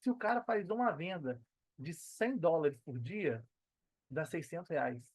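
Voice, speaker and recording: With a slightly high, lively voice that's a little slow and slightly rough, a Brazilian man chats as a guest on a podcast, with no room sound. The digital entrepreneur is slangy, earnest and emphatic, often repeating phrases to stress them.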